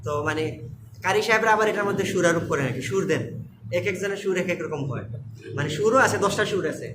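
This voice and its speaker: A man teaching Quran recitation, chanting examples slowly and drilling each syllable with patient corrections. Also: high voice, lively intonation, roomy sound, background noise. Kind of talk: one-on-one recitation lesson.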